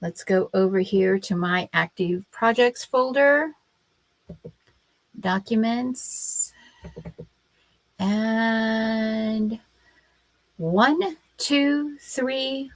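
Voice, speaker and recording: This woman's voice runs on the high side and sounds scratchy because she has a cold. She hosts a laid-back writing livestream, talking slowly with many halting pauses. The audio is dry.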